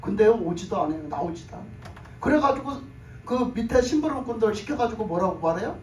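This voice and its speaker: High-voiced man preaching with echo. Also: animated, fast talker, slight background noise. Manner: acts out characters' speech in the story; repeats phrases for emphasis. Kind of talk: animated sermon storytelling. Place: church sanctuary. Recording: echoey room, mic at a distance.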